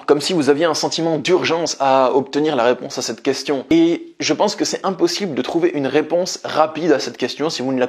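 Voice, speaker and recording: A man's voice: on the high side, breathy edge. A man speaking as a life coach, giving earnest, explanatory motivational advice straight to his viewers.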